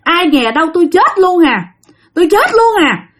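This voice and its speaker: Woman doing a frantic teen girl ghost, high, wailing, swings wildly in pitch. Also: big pitch swings, moderate pace. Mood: lamenting. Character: ghost of a sixteen-year-old girl.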